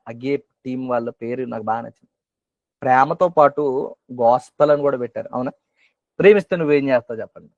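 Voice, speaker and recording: A man's voice: on the high side, darkish tone, no room sound. Questioning male preacher, dull call audio. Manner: questioning, repeating phrases for emphasis. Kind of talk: sermon at an online prayer meeting. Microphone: video call.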